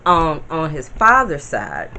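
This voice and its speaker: A woman's voice: low-pitched, wildly swooping pitch, slow, heavy background noise. A woman in her fifties, a grandmother talking casually to the camera at home, chatty and rambling and speaking straight to her viewers. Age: 50s. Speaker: grandmother vlogger.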